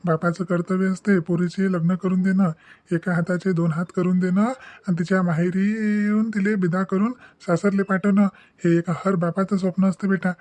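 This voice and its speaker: A man's voice: high voice, flat delivery, moderate pace, a little mellow, no room sound, natural voice. Man doing a worried tender village father. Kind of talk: cartoon voice acting.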